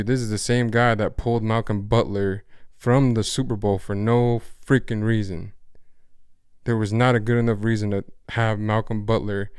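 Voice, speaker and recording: A man's voice: fairly low pitch, clean tone, dry recording, clean studio sound. A man hosting a podcast, talking casually about sports in a rambling, slangy way with frequent restarts and swearing. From Mexico. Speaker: podcast host.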